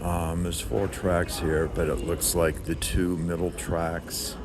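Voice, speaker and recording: Male travel vlogger, low voice, slow halting casual delivery, noisy transit ambience. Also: level tone. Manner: hesitant, halting, thinking aloud. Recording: noisy subway and street ambience. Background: transit ambience, vehicle noise.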